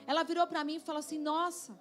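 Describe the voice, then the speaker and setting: A woman pastor preaching a sermon, slow and emphatic, with sudden drops to a quiet voice. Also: high-pitched, soft background music.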